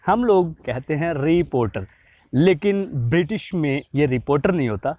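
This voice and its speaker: A man giving a pronunciation lesson, slowing down to sound out example words one at a time. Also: a little high, lively intonation, no echo. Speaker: English pronunciation teacher. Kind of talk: explanatory lesson. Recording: dull lo-fi audio.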